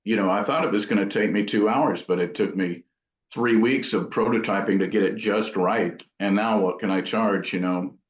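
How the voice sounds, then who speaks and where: In a roomy, muffled lo-fi recording, a man with a fairly low pitch chats at a moderate pace. He's a guitar amp builder being interviewed as a guest craftsman, giving relaxed answers while thinking aloud and correcting himself.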